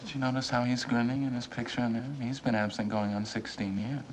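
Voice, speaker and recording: An actor playing a restless young adult son, brooding and hesitant. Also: male voice, mid-range voice, fairly even intonation, fast talker, a little hiss or hum, lightly acted, low-quality recording. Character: restless young man son, weary, yearning to leave. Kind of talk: stage play acting.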